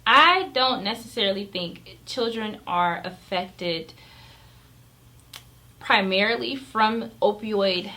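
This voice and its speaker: Gravelly-voiced woman pediatric doctor. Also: medium pitch, sharp tone, rough recording. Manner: measured, earnest explanations. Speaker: pediatric emergency physician. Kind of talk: interview answers.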